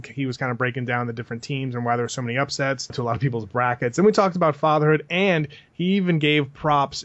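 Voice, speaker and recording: Casual male podcast co-host, thirties, lively storyteller who laughs often; dry, lo-fi recording. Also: medium pitch, dry recording. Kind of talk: casual chat. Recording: dry, dull lo-fi sound.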